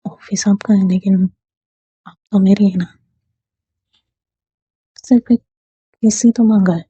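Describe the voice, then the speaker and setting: A woman's voice: medium pitch, steady tone, takes it slowly, mellow, slightly rough, no room sound, dull audio. Veda, a woman reading as a playful young lover. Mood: tender. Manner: teasing, tender. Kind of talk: storybook dialogue read aloud.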